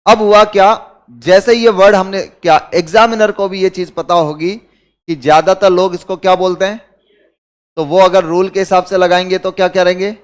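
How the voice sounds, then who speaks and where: An Indian man with a high, clean-toned voice is giving a classroom lecture, explaining the rules and firing rhetorical questions at his students.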